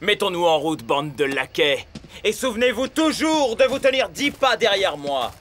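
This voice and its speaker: High-voiced, pompous boy overlord. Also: sing-song, normal speed, a bit bright, slight background noise. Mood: imperious. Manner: pompous, imperious. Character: haughty possessed boy acting as evil overlord. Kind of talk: animated series dub acting. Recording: clear background music.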